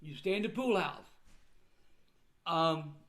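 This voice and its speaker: A man's voice: on the high side, animated, slow pace, fairly bright tone. An older man talking casually and bluntly to his viewers, with the plain manner of an old grandfather. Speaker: vlogger recounting family troubles. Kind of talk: casual personal talk to viewers.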